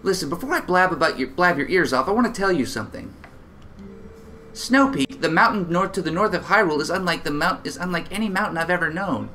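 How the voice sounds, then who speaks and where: A man's voice: sits high, lively intonation, pushed and bright, a little hiss or hum. A man doing a blunt young mountain swordswoman. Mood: blunt serious. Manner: blunt, brisk.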